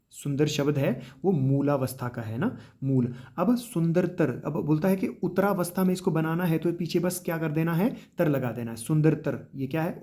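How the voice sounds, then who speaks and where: A man teaching grammar for a police exam, explaining step by step, calling his students children, and often tagging his points with a quick "right?". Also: on the high side, dark tone. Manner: explains step by step, addresses students as children, repeats with tag questions. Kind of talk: exam-prep grammar lesson.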